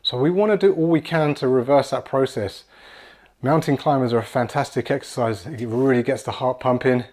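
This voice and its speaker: A man in his forties leads a home workout, relaxed and encouraging as he demonstrates each move. His voice sits at an ordinary middle pitch. He restarts phrases and repeats words as he goes. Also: brisk. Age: 40s. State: slightly out of breath at times. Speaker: fitness coach. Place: small room at home with kids' toys.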